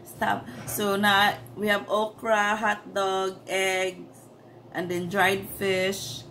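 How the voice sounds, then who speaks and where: A woman's voice: mid-range voice, completely flat delivery, extremely slow, fairly bright tone. A woman in her thirties with a Filipino accent and native Cebuano, chatting casually while eating and switching between English and Cebuano. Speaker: mukbang vlogger and mother. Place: home kitchen, indoors. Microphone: camera on the table at arm's length. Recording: clearly noisy home room sound.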